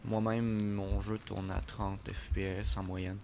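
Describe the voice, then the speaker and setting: A man's voice: lowish voice, little pitch movement, a little slow, vocal fry, a little mellow, a little hiss or hum. A man, chatting playfully during a game, with mock-formal asides. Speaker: gamer co-host. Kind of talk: casual gameplay chat.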